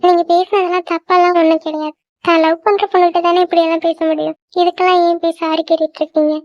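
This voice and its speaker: A woman voicing a young cartoon girlfriend who pleads softly and is quick to apologize. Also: extremely high pitch, flat delivery, no room sound. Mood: apologetic. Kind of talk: cartoon voice acting. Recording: dull lo-fi dry recording.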